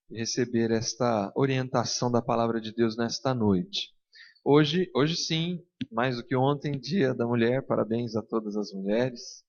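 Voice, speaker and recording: A man closing a church service with announcements and an earnest, steady prayer. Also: lowish voice, lo-fi sound. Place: church hall.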